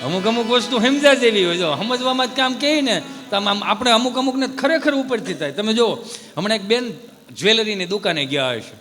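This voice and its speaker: A man's voice: sits high, fairly quick, in a large hall, faint music behind. A man telling comic stories on a live stage. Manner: lively storytelling. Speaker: stand-up comedian. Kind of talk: live Gujarati folk comedy.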